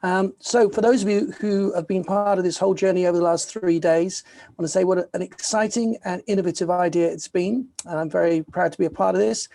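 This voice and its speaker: A man's voice: high-pitched, fairly even intonation, a little fast, gravelly, mellow. A man hosting a virtual festival, introducing the next guest in an upbeat way with frequent ums and uhs. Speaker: festival host.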